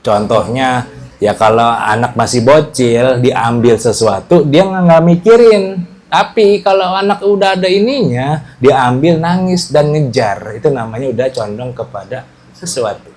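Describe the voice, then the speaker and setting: Relaxed man teaching a class. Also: medium pitch, measured pace. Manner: relaxed, explanatory, checks the class often. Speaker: religious teacher. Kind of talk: casual religious study lesson. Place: study session with a small group.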